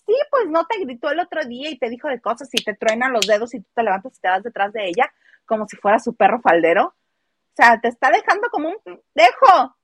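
A woman with a Mexican accent dishes gossip in a loose, animated chat, slipping into other people's voices as she retells scenes. Her voice sits a bit high. The sound is close and dry, with no room around it. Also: brisk, no echo. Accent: Mexican Spanish. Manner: animated, mimics people in quotes. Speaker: host.

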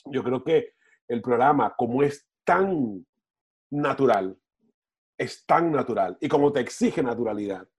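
A man's voice: medium pitch, expressive, unhurried, a little mellow, slightly rough. A middle-aged man, a football TV panelist talking casually on a podcast, rambling and restarting his words. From Venezuela.

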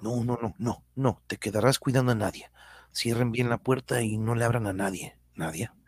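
A man playing a solemn, brave hero of a mystery radio serial, with hushed, intense asides. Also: mid-range voice, normal speed, slightly rough, dry recording, clean studio sound. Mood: resolute. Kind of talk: radio drama acting.

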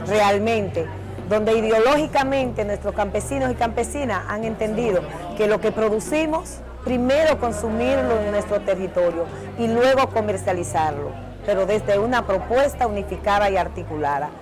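A woman spokesperson for a farm organization explaining her point deliberately in an interview. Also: mid-range voice, crowd noise, low-quality recording. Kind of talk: interview statement.

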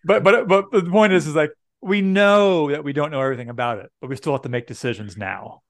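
A man's voice: on the high side, fairly quick, vocal fry, no room sound, clean studio sound. A middle-aged man, a pastor co-hosting a podcast, talking casually with lots of fillers and easy laughs. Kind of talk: casual chat.

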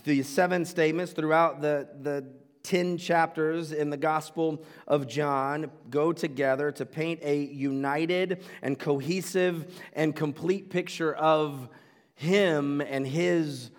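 A man preaching from the pulpit, with a voice sitting a little high for a man. He talks earnestly, stumbles into restarts and repeats, then swells into loud, emphatic declarations. His voice carries a long reverb, as if filling a big sanctuary. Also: steady tone, takes it slowly. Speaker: pastor. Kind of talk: sermon.

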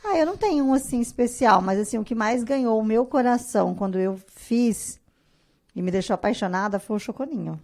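A woman's voice: a little high, fairly quick. A woman in her thirties from Brazil, a guest on a casual podcast, telling stories and acting out quotes in a raised voice. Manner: animated storyteller, acts out quotes in a raised voice. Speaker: guest, artisan biscuit maker.

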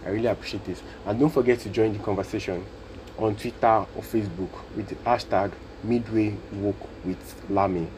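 A man's voice: fairly low pitch, steady tone, brisk, darkish tone, a little hiss or hum, low-quality recording. A Nigerian man hosting a casual solo podcast, speaking earnestly and repeating his points for emphasis. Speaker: podcast host.

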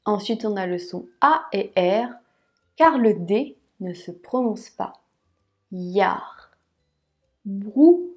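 A woman teaching French pronunciation, repeating words slowly syllable by syllable. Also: mid-range voice, animated, darkish tone. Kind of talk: slow, careful pronunciation lesson.

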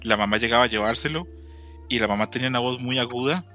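A man's voice: medium pitch, fast talker, pushed and bright, faint music behind. A man in his thirties with a Mexican accent, telling stories in casual chat. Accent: Mexican Spanish. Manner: storytelling, mimics voices with laughter. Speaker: podcast co-host.

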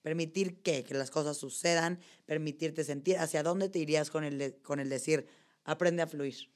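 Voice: mid-range voice, fairly even intonation, normal speed. A podcast host in a casual interview, asking curious follow-up questions.

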